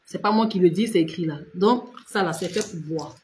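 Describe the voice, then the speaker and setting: A woman's voice: lowish voice, fairly quick, a little mellow, echoey room, slight background noise. A woman giving casual, insistent skincare and diet advice on a live stream, repeating herself and talking straight to her viewers. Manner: repetitive, direct, addresses viewers as tu and vous.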